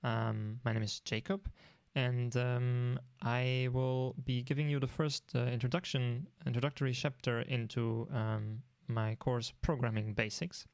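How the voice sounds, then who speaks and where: A man from Germany with a German accent, an online programming instructor talking informally and haltingly with many ums. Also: mid-range voice, flat delivery, gravelly, smooth, no room sound. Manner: hesitant, many ums and restarts.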